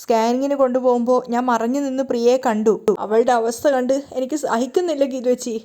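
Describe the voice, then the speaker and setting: A desperate young father insists on his rights, earnest and stubborn, read by a woman narrator. The voice is fairly high and mellow, in a plain story-recap reading. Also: fairly even intonation, fast talker, natural voice. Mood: insistent.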